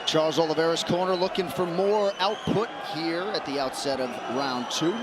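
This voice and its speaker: A man's voice: on the high side, normal speed. A man giving live play-by-play commentary on a fight. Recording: loud arena crowd and noise. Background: loud crowd noise.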